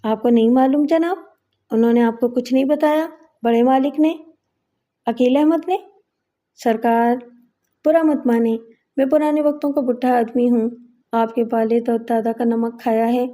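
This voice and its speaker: A woman's voice: fairly high pitch, fairly even intonation, long pauses, dark tone, lightly acted. A woman voicing a frail, dying old male servant in an audiobook reading, confiding in a pleading way.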